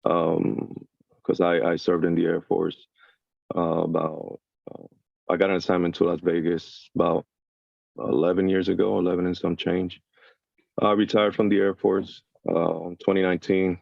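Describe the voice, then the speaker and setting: This is a man from Puerto Rico in his thirties, speaking from a dry room. His voice is very deep, flat and gravelly. The audio is dull and lo-fi, as on a video call. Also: no room sound. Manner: relaxed, halting with fillers. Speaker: new student. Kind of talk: casual self-introduction.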